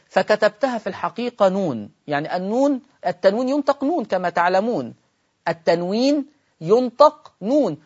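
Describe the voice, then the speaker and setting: An Egyptian man teaches Quran recitation in a broadcast lesson, asking rhetorical questions of his students. He slows right down to model each word. The audio sounds dull and slightly lo-fi. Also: high voice. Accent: Egyptian Arabic. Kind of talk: televised religious lesson.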